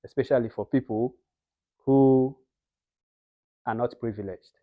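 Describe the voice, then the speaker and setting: A young Nigerian man with a Nigerian English accent appears as a guest in a casual interview, explaining things earnestly. His medium-pitched voice has a steady tone and a slightly slow pace. The recording is dry, slightly muffled and lo-fi.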